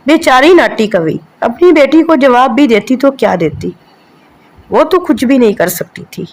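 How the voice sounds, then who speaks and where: A woman's voice: high-pitched, expressive, a little slow, poor audio. A woman narrating a children's cartoon story in a sympathetic storytelling manner.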